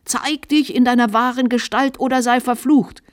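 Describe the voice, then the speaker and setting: A woman voicing an old, fanatical male bishop with a trembling voice that rises to a shrill shriek. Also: unhurried, lightly acted.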